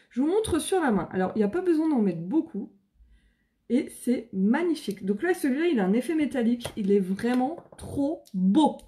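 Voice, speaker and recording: A woman's voice: high voice, a little mellow. A woman with a French accent, chatting on a live stream as she presents makeup, bubbly, with casual slang and greetings to viewers by name. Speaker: independent makeup seller. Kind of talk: live stream sales chat.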